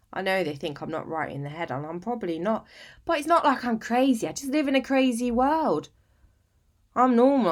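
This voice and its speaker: A British woman with a mid-range voice, close to an everyday voice, performs a conversational, confessional dramatic monologue. Defiant and wry, she plays a lonely, sleep-deprived, eccentric woman, wryly matter-of-fact about her bleak life, speaking in a chatty, colloquial, self-deprecating way with tag questions.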